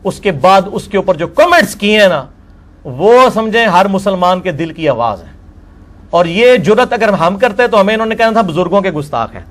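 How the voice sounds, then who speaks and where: A man speaks in the manner of a religious lecture. He reads quoted texts slowly and then comments on them forcefully. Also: high-pitched, sing-song. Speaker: religious scholar.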